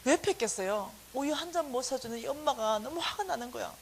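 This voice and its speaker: A woman's voice: high voice, a little fast, creaky, low-quality recording. A middle-aged woman, a church staff lecturer, telling a personal testimony in a sermon style and acting out the quotes. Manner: animated storytelling, acting out quotes. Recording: faint hiss.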